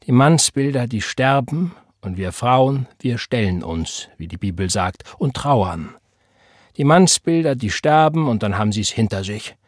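A fierce, outspoken older woman, as a male audiobook reader puts her on, preachy and emphatic, her husky voice pitched up and pushed loud. She sounds close and dry, with no room around her. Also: animated, a little slow, no room sound. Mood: indignant. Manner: preachy, emphatic, invokes the Lord. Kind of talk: audiobook character voice.

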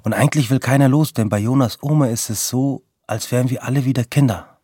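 A man's voice: medium pitch, fast talker, mellow, breathy edge, no echo, studio quality. A young man telling a string of raw, slang-heavy stories in short episodes, blunt and direct. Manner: blunt, street-slang narration with quoted outbursts. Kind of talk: storytelling monologue in vignettes.

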